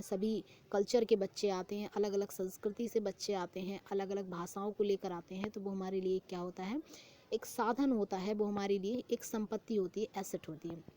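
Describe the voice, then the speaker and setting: Teaching vocabulary for an exam, a young woman slowly reads out each English phrase, gives its meaning in Hindi, and often echoes the answer as a question. She speaks at a medium pitch with a warm tone.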